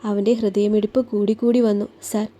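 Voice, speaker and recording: A woman reads a romantic serial story aloud as scripted narration, in a calm, even voice. Her tone is mellow and warm, at a middle pitch for a woman, and her delivery flows steadily without hurry.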